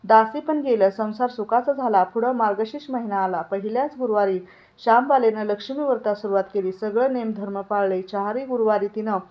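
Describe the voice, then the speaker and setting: A woman's voice: on the high side, a little fast, muffled recording. A woman telling a devotional vow story aloud, giving the characters' quoted lines extra force.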